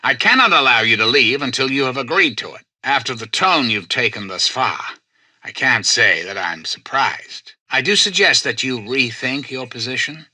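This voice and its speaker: A male computer president for a video game, polite yet commanding and quietly manipulative. The voice is very bright and forceful with some huskiness, swinging widely in pitch. The delivery is measured, formal and persuasive, with a faint note of condescension. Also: animated, no echo. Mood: stern, disappointed. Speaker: voice actor. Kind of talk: video game character dialogue.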